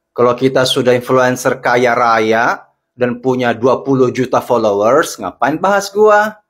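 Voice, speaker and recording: Husky, indignant Indonesian man. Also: on the high side, fairly bright tone. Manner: sarcastic, indignant. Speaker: social media commentator. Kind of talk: heated monologue rebuttal.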